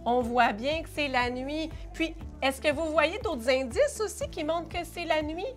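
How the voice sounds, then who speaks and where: A middle-aged woman with a Québécois French accent, an educator reading a picture book aloud in a lively, playful way and explaining it to parents. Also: high-pitched, a little slow, soft background music. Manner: animated, playful read-aloud with sound effects. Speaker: early childhood educator.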